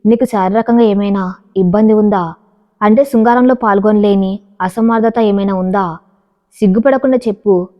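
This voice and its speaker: A woman reading as a calm, probing doctor. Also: mid-range voice, normal speed, lightly acted. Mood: gentle. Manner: soft-spoken questioning. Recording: dull, reverberant recording.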